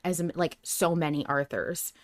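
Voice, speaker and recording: A woman co-hosts a podcast, chatting casually and with enthusiasm about a show she follows. Her low voice keeps a steady tone at a moderate pace, and her delivery is emphatic. There's no room sound.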